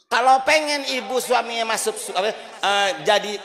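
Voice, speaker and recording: A male Islamic preacher giving a lively, joking sermon. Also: extremely high pitch, normal speed. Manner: lively, joking, many voices. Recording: echoey reverberant hall.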